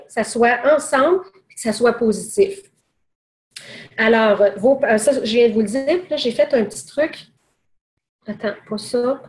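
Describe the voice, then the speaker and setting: A woman's voice: a little high, roomy sound. A woman giving a sales training seminar in a conversational way, with many restarts and fillers.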